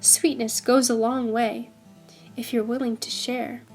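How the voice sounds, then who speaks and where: A woman's voice: fairly high pitch, little pitch movement, a little slow, a little mellow, soft background music. A woman voicing a kind, encouraging female cartoon bear in a children's storybook.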